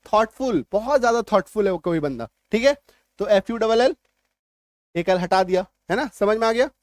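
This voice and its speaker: A man's voice: high voice, lively intonation, normal speed, no room sound. A man teaching English spelling rules, repeating points and checking if students follow. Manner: repetitive, reassuring, keeps checking understanding. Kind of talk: spoken lesson explaining spelling rules.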